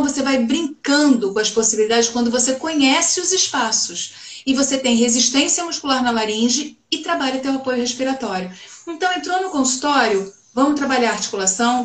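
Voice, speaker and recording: A woman's voice: fairly high pitch, roomy sound. A woman speech therapist with a Rio de Janeiro accent, explaining voice technique in a conversational interview and demonstrating examples. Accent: Rio de Janeiro Portuguese.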